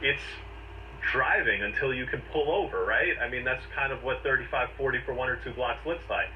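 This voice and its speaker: A man's voice: mid-range voice, fairly quick. Guy laying out a legal case step by step, emphatic, sounds far from the mic w/ noise. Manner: emphatic step-by-step storytelling in short phrases. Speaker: legal commentator. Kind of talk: conversational explainer of a legal case. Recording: distant, dull, noisy replayed audio.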